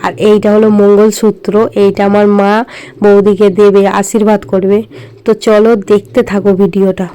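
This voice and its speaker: A young woman from India talks to her viewers in a relaxed vlog voice-over. Her voice is hoarse and husky from a cold, dark and mellow in tone, and her pitch stays fairly flat as she explains things in a chatty way. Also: moderate pace. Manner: chatty, explaining family wedding customs to viewers. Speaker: vlogger.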